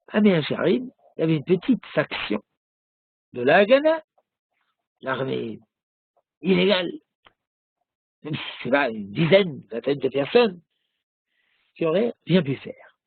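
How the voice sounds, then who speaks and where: A man, a rabbi, giving a recorded religious lesson, telling a story slowly with many hesitations. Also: on the high side, vocal fry, breathy edge, dry recording, phone-quality sound. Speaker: rabbi teaching a class.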